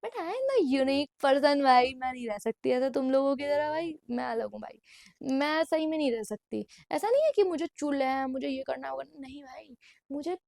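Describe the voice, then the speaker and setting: Chatty young woman with a gravelly edge. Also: high voice, animated, moderate pace, a little mellow, no echo. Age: 20s. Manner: chatty, mixes English phrases into Hindi and keeps saying "bhai". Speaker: vlogger. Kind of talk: casual storytime monologue. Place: indoor room at night.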